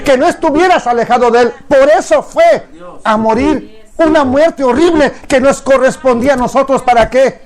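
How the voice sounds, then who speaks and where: Guy preaching at church, really high voice, keeps firing questions at the crowd. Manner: emphatic, fires repeated rhetorical questions. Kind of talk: sermon. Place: church service before a congregation.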